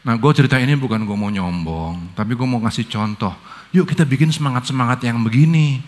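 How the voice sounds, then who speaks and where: A middle-aged male pastor with a Jakarta accent preaches a casual youth sermon, briskly telling slangy stories. He drops into low murmurs, then jumps up to high, excited bursts.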